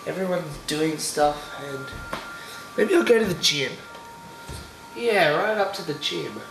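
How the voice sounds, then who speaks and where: Speaking a little slowly over music, this young vlogger has a slightly high, expressive voice despite his blocked nose and sore throat. He rambles chattily and laughs often in a home video diary, recorded in an echoey room with noise behind him.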